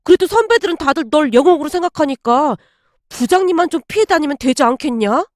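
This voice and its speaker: Woman voicing a quick, blunt office buddy. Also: sits high, expressive, dry recording, studio quality. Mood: blunt excited. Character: young office coworker, blunt and easygoing.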